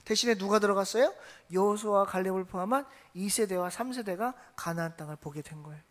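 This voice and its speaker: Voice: medium pitch, fast. A pastor giving a Sunday morning sermon in a church, repeating phrases and asking the congregation rhetorical questions. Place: church sanctuary.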